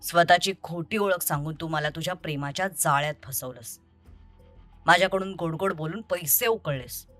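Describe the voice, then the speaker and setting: A woman voicing an angry young man who confronts his deceitful ex-lover in an audio story, over soft music. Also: sits low, moderate pace, pitched below the performer's own voice. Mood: accusing. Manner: accusing, bitter and confrontational.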